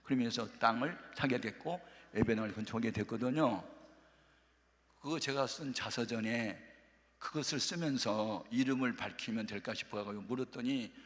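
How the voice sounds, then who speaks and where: An older male pastor telling a story in a sermon, acting out the people in it with lively delivery. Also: medium pitch, moderate pace. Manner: animated, acts out dialogue. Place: prayer retreat worship hall. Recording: reverberant sanctuary sound.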